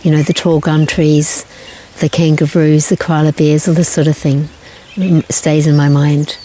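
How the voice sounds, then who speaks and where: An older woman who grew up in New Zealand, answering interview questions in a gentle, thoughtful way with pauses and restarts. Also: sits low, level tone, a little hiss or hum, rough recording. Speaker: guest, singer-songwriter.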